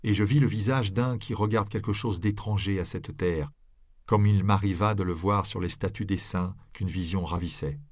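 Low-voiced male audiobook narrator. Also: moderate pace, no room sound, studio quality.

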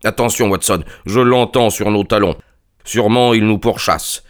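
A man's voice: fairly low pitch, moderate pace, clear, resonant tone, close to an everyday voice. A man voicing a self-assured, ironic male detective in an audiobook, courteous and dry. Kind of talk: audiobook character reading.

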